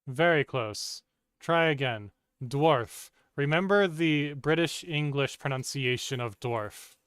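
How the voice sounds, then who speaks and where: A man with a smooth, crisp voice gives short, patient instructions in a calm, steady way. He sounds like a streamer coaching someone through a task. The sound is dry and close, with no room echo. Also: on the high side, measured pace.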